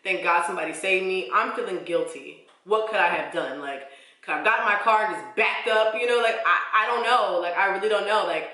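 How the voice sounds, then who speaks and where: A woman's voice: medium pitch, fairly quick. A young woman vlogger telling a personal story in a casual, slangy way, full of "like"s. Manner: expressive, slangy storytelling with many "like"s. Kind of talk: storytime vlog. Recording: echoey room.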